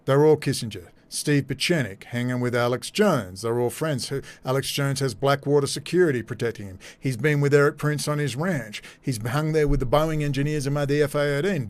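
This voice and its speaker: A man giving animated, sarcastic commentary as a host, repeating his phrases. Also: mid-range voice. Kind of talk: ranting commentary over clips.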